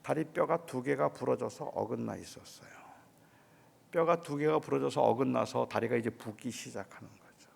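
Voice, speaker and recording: A middle-aged male pastor preaching at a dawn service in a church, telling a personal story in a quiet, hushed way. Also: mid-range voice, moderate pace, creaky, husky, big-room sound. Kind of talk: sermon at a dawn revival service. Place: church sanctuary.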